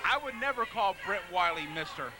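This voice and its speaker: A man's voice: sits high, lively intonation, fairly quick, heavy background noise. A man doing color commentary at a live wrestling event, argumentative and openly partisan.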